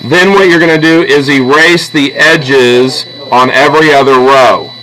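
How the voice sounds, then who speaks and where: A man's mid-range, steady voice, pushed and bright, comes through poor audio as he teaches drawing at a slightly slow pace. The art teacher works through each step patiently with students present in a classroom, often checking in with "okay?" and "all right?"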